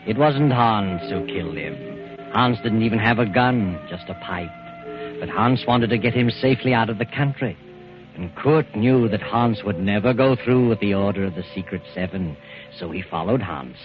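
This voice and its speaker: A man's voice: deep voice, lightly acted. A man playing a sinister, all-knowing narrator in a mocking, theatrical 1940s radio suspense style. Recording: old muffled 1940s radio, loud music.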